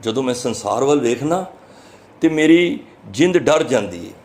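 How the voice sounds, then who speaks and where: A man with a Punjabi accent giving a sermon, explaining scripture line by line in an earnest, teaching manner and drawing verses out slowly before he explains them. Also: mid-range voice, lively intonation, darkish tone. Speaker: Sikh preacher giving scripture commentary.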